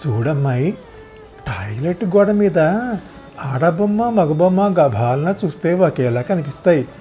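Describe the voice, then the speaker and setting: A man's voice: a little high, animated, measured pace, mellow, faint music behind. A man voicing a talkative, meddling elderly mother in a wheelchair, fussing over everyone in a storybook reading. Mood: chatty.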